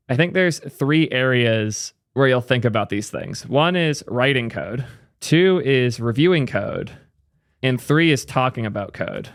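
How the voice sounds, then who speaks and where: A young man giving casual, opinionated commentary as a tech streamer, thinking aloud with quick asides. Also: mid-range voice, no room sound, studio quality. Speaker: tech streamer reacting to clips.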